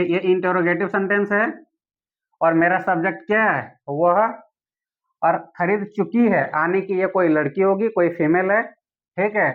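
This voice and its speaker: A man teaching an English grammar lesson, asking the viewer questions and saying English examples slowly. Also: high-pitched, narrow, tinny audio.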